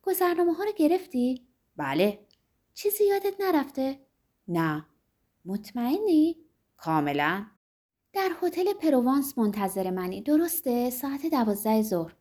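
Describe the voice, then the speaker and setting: A woman voicing an eager young woman in love, talking in a high, breathless, emotional way. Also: very animated, darkish tone.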